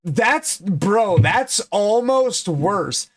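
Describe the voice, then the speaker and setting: His high voice is sing-song, with drawn-out words. The man is a livestream host, casually chatting and bluntly teasing his guest with lots of profanity.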